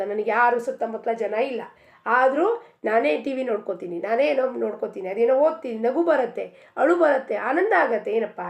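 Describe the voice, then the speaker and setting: A woman giving an earnest devotional discourse, asking many rhetorical questions. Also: on the high side. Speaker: spiritual speaker.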